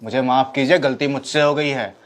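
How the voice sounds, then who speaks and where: A man's voice: mid-range voice, steady tone, fairly quick, lightly acted. A man playing a harsh, domineering husband who orders people about and talks with scorn, in a family drama skit. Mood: bitter sarcasm. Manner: shouting, rude, commanding.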